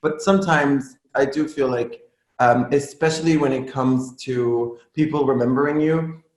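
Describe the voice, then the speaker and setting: A man's voice: medium pitch, steady tone, moderate pace. A man of twenty-five, a musician, chatting candidly and jokily as an interview guest. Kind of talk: casual interview chat. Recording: roomy echo.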